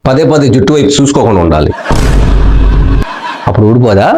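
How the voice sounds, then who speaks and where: A man trading quick jokes in a comic question-and-answer skit, teasing with punchline replies. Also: medium pitch, expressive, noisy background. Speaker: comedian.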